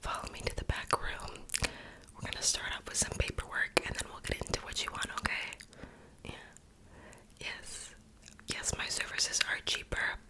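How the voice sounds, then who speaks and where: A woman's voice: normal speed, low-quality recording. Woman in a whispered role-play. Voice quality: unvoiced, breathy whisper. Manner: soft, casual, chatty, reassuring. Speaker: ASMR creator playing a piercer.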